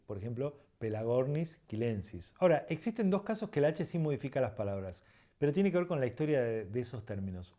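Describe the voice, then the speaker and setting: A man gives an instructional lesson. His voice is mellow and warm, pitched in the middle range. He explains patiently, repeating examples slowly and pausing to check that the listener follows. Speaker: birding instructor.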